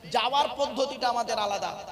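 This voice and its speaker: Very high-voiced preacher quizzing the crowd. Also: male voice, a little fast. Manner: fires rhetorical questions at the audience; stresses and stretches words to correct pronunciation. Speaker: Islamic preacher. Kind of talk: sermon to a live gathering. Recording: live sermon with crowd noise.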